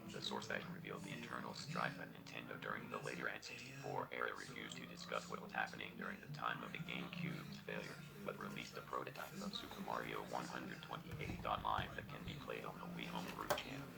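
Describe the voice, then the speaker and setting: A synthetic male text-to-speech voice reading a scripted story aloud in an even, mechanical way. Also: extremely low pitch, quick pace, creaky, hardly any pauses. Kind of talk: scripted narration, creepypasta reading. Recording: music under the voice. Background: music.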